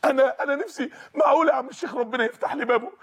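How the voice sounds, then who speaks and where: A man's voice: very high voice, racing, a bit bright, breathy edge, exaggerated voice. A preacher voicing a young man who pleads tearfully to be forgiven, with an Egyptian accent. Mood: pleading. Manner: pleading, breaking with emotion.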